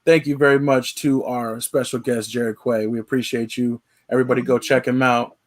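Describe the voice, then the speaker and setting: A man hosting a casual sports podcast, laid-back and relaxed, with frequent fillers. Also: medium pitch, moderate pace. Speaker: podcast host. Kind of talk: casual sign-off chat.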